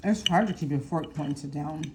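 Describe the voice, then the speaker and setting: Eating a meal in her home kitchen or dining room with the window open, a woman cooking vlogger rambles casually to viewers in a deep voice at a moderate pace, humming and laughing softly. Background noise can be heard.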